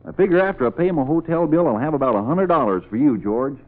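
An actor playing a shy, earnest country pig farmer with folksy, hesitant politeness in a 1940s radio comedy. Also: male voice, a little high, animated, fast, lightly acted. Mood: bashful, hopeful. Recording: muffled vintage radio recording.

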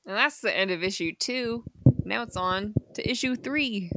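A woman's voice: mid-range voice, moderate pace, sharp tone, dry recording. A woman co-hosting a casual comic book club podcast, making dry, wry remarks and thinking aloud. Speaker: podcast co-host.

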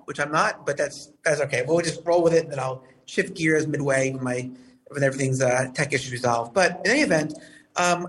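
A man hosting a live talk show, heard over a phone, speaking in a formal, measured way with some fillers. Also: on the high side, a bit bright, recorded from a distance, a little hiss or hum, low-quality recording.

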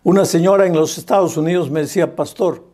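Earnest male pastor, mellow voice. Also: fairly high pitch, fairly even intonation, fast talker. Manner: earnest preaching with quoted dialogue and rhetorical questions. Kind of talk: sermon.

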